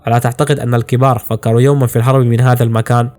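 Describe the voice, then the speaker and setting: A gentle young musician, earnest and soft-spoken, talking at a brisk clip, as a male narrator puts him on. He sounds like a bullied but hopeful boy in an anime story recap. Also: mid-range voice, flat delivery, soft background music, close to an everyday voice. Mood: earnest, frustrated.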